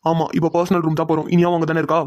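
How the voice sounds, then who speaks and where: A woman's voice: low-pitched, completely flat delivery, racing, darkish tone, no room sound, clean studio sound, close to an everyday voice. A woman doing a teasing young male boss. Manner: playful, teasing, bossy. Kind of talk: cartoon voice acting.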